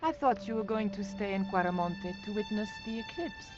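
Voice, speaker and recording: A woman's voice: mid-range voice, lively intonation, a little fast, close to an everyday voice. A woman voicing a determined young female investigator who asks direct questions in a video game. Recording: dull game audio with faint music.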